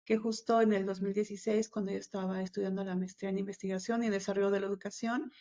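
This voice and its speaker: A woman's voice: mid-range voice, little pitch movement, fast talker, warm tone. A woman with a Mexican accent speaking as a panel guest, hesitant, with many fillers and restarts. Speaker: panel guest, university academic assistant. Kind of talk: panel talk. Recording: dull lo-fi sound.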